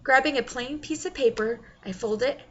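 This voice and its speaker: A woman narrating an audiobook in the first person in a wry, expressive way. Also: high voice, normal speed, highs cut off, a little hiss or hum.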